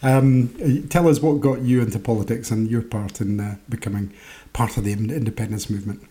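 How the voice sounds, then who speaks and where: Mellow-voiced male host. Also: on the low side, fairly even intonation, fairly quick. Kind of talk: panel hosting.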